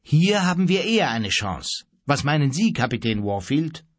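A man doing a calm, level-headed ship owner, husky voice. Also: a little high, normal speed, no echo. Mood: urging.

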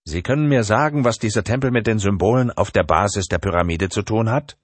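A male narrator playing a cold, menacing tattooed kidnapper who speaks calmly. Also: on the low side, brisk, husky, dry recording, voice pushed up. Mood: cold menace.

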